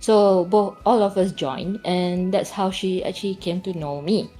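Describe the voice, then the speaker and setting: A woman's voice: medium pitch, fairly even intonation, unhurried, warm tone, faint music behind. A woman talking casually as a podcast guest, rambling and restarting her sentences.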